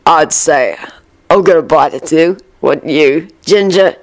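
A woman's voice: low-pitched, slow. A woman doing a crooning werewolf man. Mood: leering. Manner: crooning, leering.

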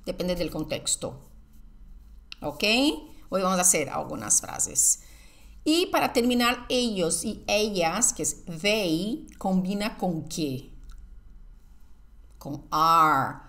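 A woman teaching an English lesson, drilling phrases with slow, emphatic repetition and answering her own questions. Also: mid-range voice, a bit bright. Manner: asks the viewer questions and answers them herself. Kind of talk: online language lesson.

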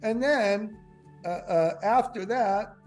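An older male finance instructor gives a webinar lecture at a slow pace, his voice sitting high, with soft music in the background. He rambles, stumbles over fillers and corrects himself, getting excited now and then.

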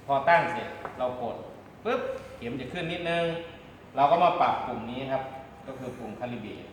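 A man's voice: mid-range voice, lively intonation, normal speed. Man teaching in a very echoey room. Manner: step-by-step explaining with frequent polite particles. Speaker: radio communications instructor. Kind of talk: hands-on demonstration lesson. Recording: very echoey room, background noise.

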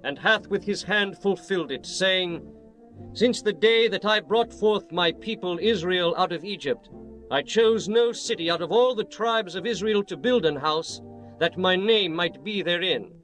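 A reverent biblical king in a scripture drama. His voice sits high for a man, and he declaims solemnly over a musical backdrop. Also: a little slow, fairly bright tone, soft background music. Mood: proud, reverent. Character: King Solomon, reverent male monarch praying and blessing.

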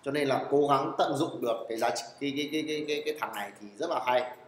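A man's voice: mid-range voice, racing, slight background noise. Blunt, teasing man teaching in an echoey classroom. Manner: blunt, teasing, constantly checks with "right?". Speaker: programming teacher. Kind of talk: classroom lecture. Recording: echoey room with long reverb.

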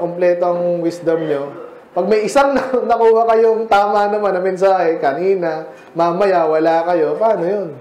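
A man's voice: high voice, dark tone, echoey room, muffled recording, slight background noise. A man with a Filipino accent preaching a sermon in a church, in a casual, joking style with frequent asides. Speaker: pastor.

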